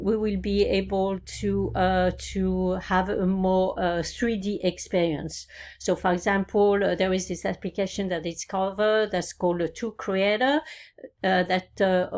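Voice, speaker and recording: A woman from France gives an informal project presentation in a halting, hesitant way, with many pauses. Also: on the low side, a little mellow. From France (Normandy).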